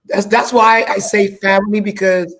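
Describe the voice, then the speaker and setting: A woman's voice: medium pitch, fairly even intonation, normal speed. A woman from Guyana, a fitness instructor, chatting in an upbeat casual interview over a video call and circling back to repeat her points. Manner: upbeat, repeats herself while explaining.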